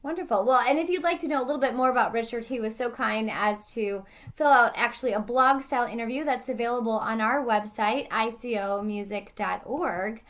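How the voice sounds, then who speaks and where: A woman's voice: on the high side, a little fast, fairly bright tone. A woman hosting an interview in a chatty conversational way, with occasional fillers. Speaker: interviewer, orchestra director.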